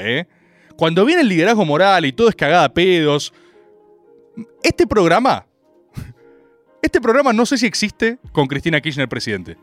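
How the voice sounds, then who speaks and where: A man's voice: high voice, no room sound. A young Argentine man with a Rioplatense accent hosting a comic political monologue, rambling and ironic, laughing at his own jokes. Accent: Rioplatense Spanish.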